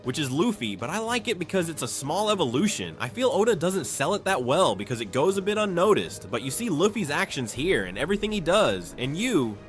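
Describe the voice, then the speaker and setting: A man's voice: fairly high pitch, big pitch swings, a little fast, hardly any pauses, faint music behind. A man giving an enthusiastic fan commentary and story recap, often stacking repeated words for emphasis. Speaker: anime and manga recap narrator.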